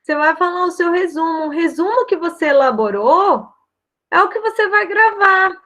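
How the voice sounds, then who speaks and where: A woman's voice: very high voice, lively intonation, moderate pace, fairly bright tone. A woman lecturer with a Brazilian Portuguese accent, explaining course assignments in a chatty way and checking in with "tá?" and "né?". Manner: chatty, repeats "tá?" and "né?" often. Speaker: university lecturer. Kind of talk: recorded course guidance.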